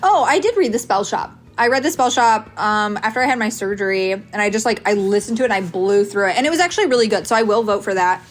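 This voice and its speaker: Female book vlogger, mid-range pitch, casual and emphatic, opinionated chat over background music. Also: expressive, fast, hardly any pauses. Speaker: book reviewer with a video channel. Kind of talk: casual chatty vlog commentary.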